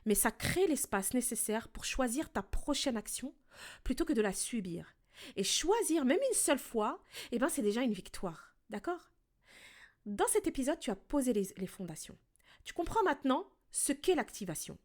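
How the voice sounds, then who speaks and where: A woman coaching her listener through a podcast monologue, her voice sitting a little high and moving animatedly up and down. She sounds calm and direct, and addresses the listener one-on-one. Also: moderate pace. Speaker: podcast host and relationship coach.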